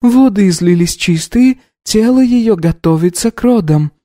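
Casting: woman playing a capable housekeeper-midwife, raised lively voice, firm and reassuring, dry close sound. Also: mid-range voice, unhurried, dry recording, close to an everyday voice. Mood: calm, firm. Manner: firm, soothing, matter-of-fact. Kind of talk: audiobook reading.

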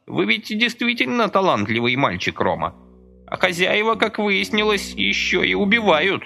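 A man's voice: high-pitched, very animated, moderate pace, creaky, bright, forceful tone, faint music behind, pitched above the performer's own voice, full character voice. A man doing a frightened little old man, Sokratych. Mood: anxious pleading. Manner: anxious, pleading.

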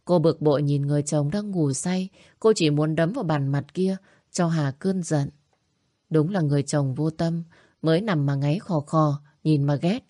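Woman storyteller, low voice, dry close sound, steady reading. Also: normal speed, dry recording. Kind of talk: story narration.

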